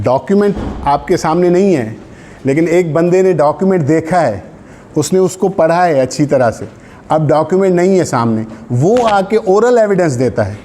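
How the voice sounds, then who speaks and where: A man with a Pakistani accent gives a law lecture, reading out provisions, explaining them didactically and briefly checking for understanding. His voice is fairly high with a dark tone, and there's faint background noise.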